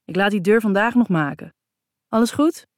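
A woman voicing a grumpy, curt young man who talks gruffly and briefly. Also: medium pitch, moderate pace, darkish tone, dry recording, clean studio sound, pitched above the performer's own voice, natural voice.

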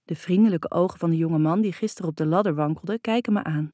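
Low-voiced woman reading a novel. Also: fast, warm tone, no room sound, studio quality. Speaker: audiobook narrator. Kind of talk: scripted narration of a first-person novel.

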